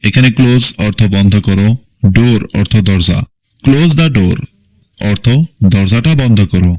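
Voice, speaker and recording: Slow, deliberate man teaching English phrases. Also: lowish voice, expressive, a little mellow, poor audio. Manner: reads English sentences very slowly and deliberately. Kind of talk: scripted phrase-by-phrase language lesson.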